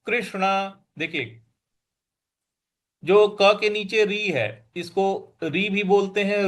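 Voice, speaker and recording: A man teaching Sanskrit verse recitation, sounding out each word slowly and chanting lines in a sing-song. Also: high-pitched. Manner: slow, deliberate, repeats each word and sounds it out. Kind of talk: recitation and pronunciation lesson.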